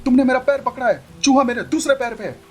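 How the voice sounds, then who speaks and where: A man's voice: very high-pitched, fast talker, pitched above the performer's own voice. A man voicing a frightened, bossy young bride who pleads and snaps at her companion in an exasperated manner. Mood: annoyed.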